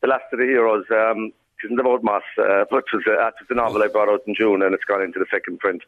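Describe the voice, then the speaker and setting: Tinny phone line, Irish man, Kerry accent, lilting storyteller, quick pace, wry. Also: lowish voice, fairly even intonation. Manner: wry, colloquial. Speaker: writer and interview guest. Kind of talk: lilting, anecdotal storytelling in casual chat. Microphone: telephone.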